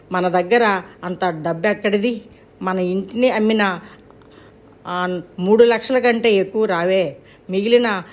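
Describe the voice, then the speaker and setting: A woman's voice: medium pitch, natural voice. A woman voicing a worried, aging retired schoolteacher father who speaks in a pleading, soothing way in a storybook reading.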